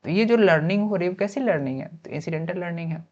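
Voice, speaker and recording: A woman's voice: fairly low pitch, expressive, fast, darkish tone, highs cut off. A woman teaching an exam-prep lesson. She explains by asking and answering her own questions, checks in often, mixes in English terms and spells words out letter by letter.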